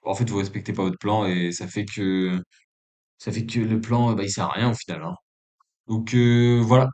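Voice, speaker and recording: A man with a fairly low voice talks through trading basics in a relaxed, informal way. He pauses often with "euh" and restarts his sentences. His French carries a non-native accent. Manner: hesitant, many fillers, relaxed and informal. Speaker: trading coach. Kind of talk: casual explanatory lesson.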